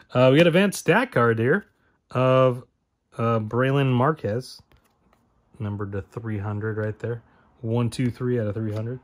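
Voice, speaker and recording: A man talks through a card-opening video in a relaxed, rambling way, reading off names in each pack. He keeps second-guessing himself and correcting his own memory out loud, at a middling pitch for a man. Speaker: card-opening channel host. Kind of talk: casual card-opening commentary.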